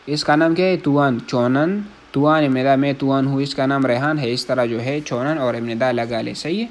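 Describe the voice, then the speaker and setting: A man's voice: medium pitch, steady tone. A man from Pakistan, teaching Korean vocabulary in a casual lesson. He reads each word, repeats it, glosses it in Urdu and keeps checking that listeners follow. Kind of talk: casual classroom-style lesson.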